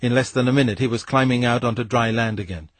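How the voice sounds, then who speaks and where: A man reading a novel aloud as an audiobook narrator, in a measured, steady way. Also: mid-range voice, no room sound. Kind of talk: scripted narration.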